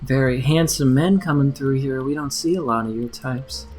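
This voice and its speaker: A man's voice: mid-range voice, normal speed, a little mellow, lightly acted. A seductive femme fatale barmaid, acted out by a man at a tabletop game, flirting in a sultry way with sweet pet names. Faint music plays underneath. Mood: sultry, flirtatious. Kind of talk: in-character tabletop role-play.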